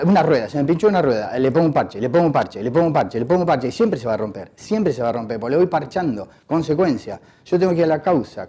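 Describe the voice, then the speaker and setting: A man's voice: fairly high pitch, warm tone, breathy edge. A man with a Rioplatense Spanish accent, an educator giving a reflective talk in short, thoughtful phrases and telling an anecdote.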